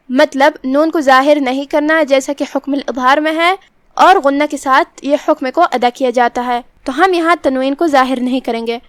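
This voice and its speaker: A woman with a Pakistani Urdu accent, teaching Quran recitation rules in a measured, instructive way. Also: high-pitched, a bit bright, dry recording. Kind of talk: tajweed lesson, explaining rules word by word.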